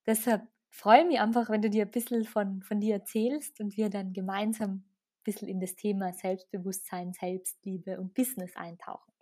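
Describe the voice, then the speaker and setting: A woman's voice: mid-range voice, steady tone, normal speed, a little mellow. A woman hosting a podcast, opening the episode and interviewing a guest with eager enthusiasm. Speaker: podcast host.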